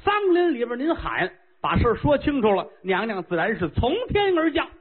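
A man doing a sly, unhurried old chancellor. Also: extremely high pitch, very animated, slightly rough, full character voice. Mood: calm, sly. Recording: tinny lo-fi phone-like sound.

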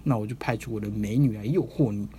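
A man's voice: on the low side, fast talker, dark tone, a little hiss or hum, close to an everyday voice. A man voicing a boastful male demon king in a hammy, threatening way during a casual storytelling podcast. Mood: gloating.

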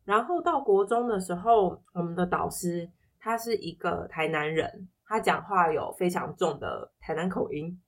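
Female podcast guest, slightly low voice, Taiwanese Mandarin accent, reflective casual storyteller. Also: moderate pace, hardly any pauses. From Taipei, Taiwan. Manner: reflective, explanatory, quotes others in anecdotes. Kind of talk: casual personal storytelling in an interview.

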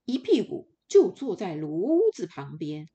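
A woman narrating a fairy tale for children, expressive and playful, speaking directly to young listeners. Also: lowish voice, a little slow. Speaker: children's storyteller.

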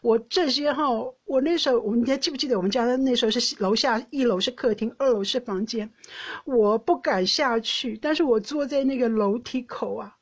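Middle-aged woman with a Taiwanese accent, a bit high and husky, for casual story-telling. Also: fairly quick. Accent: Taiwanese Mandarin. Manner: emotional, animated retelling. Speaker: podcast host.

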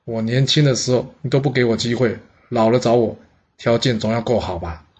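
A man's voice: medium pitch, steady tone, fairly quick, a little mellow, breathy edge. A man telling a history story in a chatty, conversational way, with explaining asides. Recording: dull lo-fi audio.

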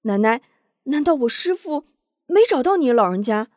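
An eager, cheerful young man from a storybook tale, as a woman narrator puts him on. The voice sits high and bright, with lively pitch. The sound is dry and close. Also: normal speed, no room sound.

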